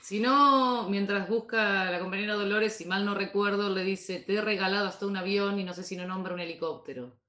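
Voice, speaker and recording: Woman, mid pitch, earnest mock-formal commentary, roomy echo. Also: bright, forceful tone. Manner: earnest, deliberate, with stock formal phrases. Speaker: panelist on a parody radio show. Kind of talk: mock-formal song interpretation.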